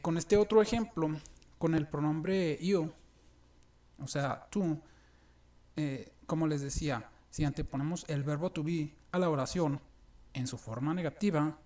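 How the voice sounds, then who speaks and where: A man teaching an English grammar lesson, explaining each example slowly and deliberately. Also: on the high side, mellow. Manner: slow, deliberate explanations with frequent restarts.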